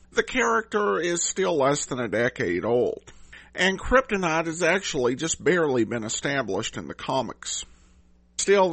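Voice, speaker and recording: A man talks as a podcast host, analytical but conversational. His voice sits a bit high and moves around a lot, recorded dry with no room sound. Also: a bit bright, no echo. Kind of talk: commentary on an old radio episode.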